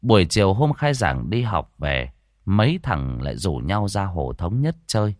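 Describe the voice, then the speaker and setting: Lively low-voiced male storyteller. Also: moderate pace, dry recording, clean studio sound. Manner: expressive, dramatic first-person telling. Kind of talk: scripted horror story narration.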